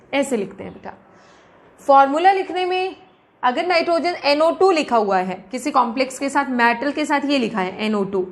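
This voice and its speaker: Woman chem teacher, high voice, keeps quizzing students then answering herself. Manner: asks questions and answers them herself, calls students "beta". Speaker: chemistry teacher. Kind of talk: lecture.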